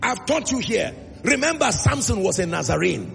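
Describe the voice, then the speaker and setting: A man's voice: sits high, sing-song, vocal fry, a bit bright. A Nigerian man preaching a sermon, emphatic, calling out to the congregation and drawing out key phrases. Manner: emphatic, call-and-response, drawn-out phrases. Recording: reverberant hall with music.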